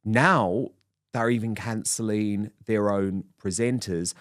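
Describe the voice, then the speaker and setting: A male talk show host with an emphatic, punchy delivery. His voice sits a little low and sounds close and dry, with no room around it. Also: takes it slowly, dry recording. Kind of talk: political talk show presenting.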